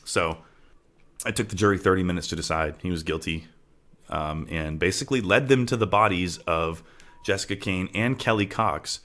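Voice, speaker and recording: A man's voice: low-pitched, moderate pace, a bit bright. A man co-hosting a true-crime podcast, talking casually and loosely, often checking in with "right?". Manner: conversational, often adds "right?", trails off into laughter at times. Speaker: podcast co-host. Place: home with farm animals nearby.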